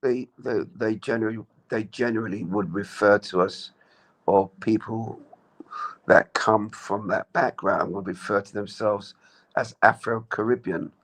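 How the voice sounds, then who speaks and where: A man from Jamaica, giving measured, plain-spoken answers as an interview guest. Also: lowish voice, fairly even intonation, a bit bright, rough recording.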